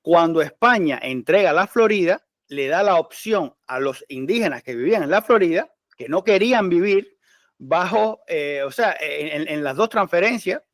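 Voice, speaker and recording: A man's voice: a little high, animated, normal speed, a bit bright, no room sound, clean studio sound. A man with a Cuban accent explaining history in a conversational way, talking straight to the listener and often restarting his words. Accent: Cuban Spanish. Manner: conversational, addresses listener as tú, frequent restarts and stammered repeats. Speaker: history presenter. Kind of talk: informal history talk.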